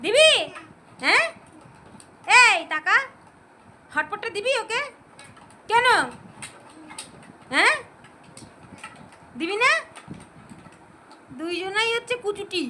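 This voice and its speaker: Woman vlogger, very high bright voice, unhurried baby talk, teasing and coaxing. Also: animated, slight background noise. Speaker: family channel vlogger. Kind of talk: playful home video chatter.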